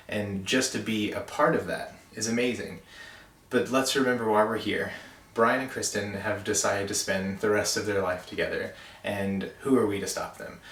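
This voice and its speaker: Low-voiced man giving an echoey wedding toast. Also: fairly bright tone. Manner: informal and halting, with self-deprecating asides. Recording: roomy echo, distant microphone.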